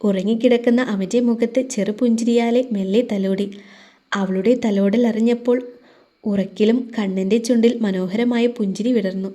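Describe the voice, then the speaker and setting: Woman storyteller, gentle and steady, mellow tone, audio drama narration. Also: mid-range voice, normal speed.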